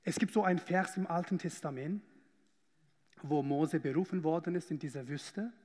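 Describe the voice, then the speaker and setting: A man's voice: fairly high pitch, normal speed, darkish tone, long reverb tail. A man from Iran preaching a sermon as pastor, earnest and conversational with small hesitations.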